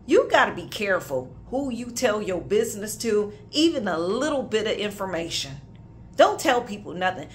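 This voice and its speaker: Woman, thirties, mid-pitched voice, emphatic sermon, casual asides. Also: fairly bright tone, a little hiss or hum. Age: 30s. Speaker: minister. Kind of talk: prophetic sermon to camera.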